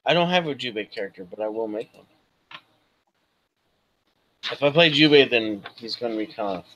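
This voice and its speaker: A man's voice: mid-range voice, animated, moderate pace, fairly bright tone, low-quality recording. A man introducing his tabletop character in casual, rambling, jokey chat. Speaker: guest game master and player.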